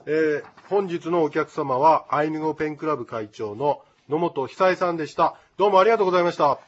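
Man, radio interviewer, polite formal speech, fast, muffled lo-fi sound. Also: fairly high pitch.

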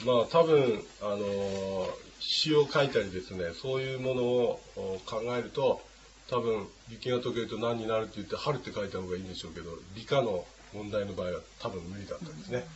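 Guy teaching a language class, kinda low voice, patient, lots of uh's, faint background noise. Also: a little fast, lo-fi sound. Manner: patient, many hesitation fillers.

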